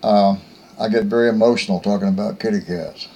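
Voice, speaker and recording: A man hosting his own show, telling a rambling story in a folksy, rough-spoken, joking way. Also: lowish voice, fairly even intonation, a little fast, darkish tone, muffled recording, slight background noise. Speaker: host. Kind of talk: casual rambling monologue.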